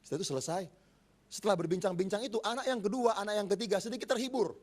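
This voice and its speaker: A male pastor preaching a sermon, telling a story with lively acted-out voices and asking his listeners questions that he answers himself. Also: high-pitched, racing, background noise. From Indonesia. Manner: animated storytelling, acting out quoted voices; asks the congregation questions and answers them. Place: church auditorium.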